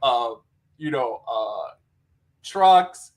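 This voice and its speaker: A man's voice: medium pitch, expressive. Easygoing man chatting over a call. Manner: easygoing, filler-heavy, quick to laugh. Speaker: co-host. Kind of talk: casual reaction chat. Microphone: video call.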